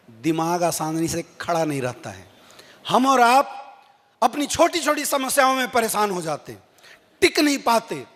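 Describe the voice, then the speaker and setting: A man giving a motivational stage speech, telling a story and acting out its dialogue. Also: high voice. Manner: animated storyteller who acts out dialogue. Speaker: motivational speaker. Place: large event hall. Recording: long hall reverb.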